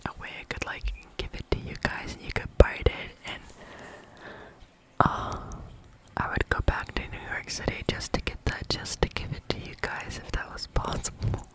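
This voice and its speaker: An ASMR vlogger chatting in a soft unvoiced whisper, rambling with many fillers and eating between remarks. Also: normal speed. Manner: chewing and eating sounds between talk.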